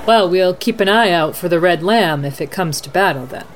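In a radio play, a woman plays a composed news anchor covering a fantasy battle, putting formal, businesslike questions to correspondents as if in a wartime news broadcast. Her voice is fairly low and moderately paced, lightly acted, with a little hiss or hum on the recording.

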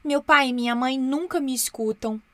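Little girl, high-pitched and insistent, ignored by her parents; a woman reader puts her on. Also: moderate pace, no echo, lightly acted. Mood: glum, gentle. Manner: high, urgent calling out.

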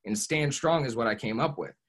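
Young male podcast guest from Ohio, mid-pitched, earnest and reflective, lots of restarts. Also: expressive, fairly quick. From Ohio, USA. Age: young adult. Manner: earnest, reflective storytelling with frequent restarts and "you know". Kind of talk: casual podcast interview.

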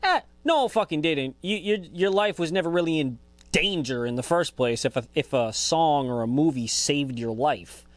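Brief: podcast host, man, twenties, laid-back and profane, slightly high voice, dry close sound. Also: expressive, moderate pace, dry recording. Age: 20s. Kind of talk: casual podcast monologue.

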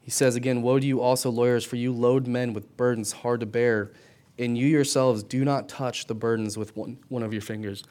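A middle-aged man gives a sermon in a plain, mid-pitched voice. He preaches in a conversational way, asking his listeners questions and tagging on quick checks. He often restarts and repeats words as he thinks aloud. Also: fairly even intonation, darkish tone. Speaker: pastor.

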